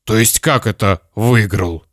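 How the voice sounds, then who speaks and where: A stern, increasingly flustered father grilling his son, as a man reading a storybook puts him on. His questions come slowly and the sound is close and dry. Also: on the high side, very animated, no room sound, pitched above the performer's own voice. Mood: alarmed. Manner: stern, interrogating, then pleading. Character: flustered, nervous father, growing frantic.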